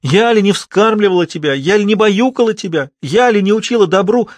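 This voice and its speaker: A man voicing a loud scolding provincial mother. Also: on the high side, animated, normal speed, breathy edge, no echo, pitched above the performer's own voice. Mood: lamenting. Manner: scolding and lamenting. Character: stern heavyset mother, loud, scolding, wailing.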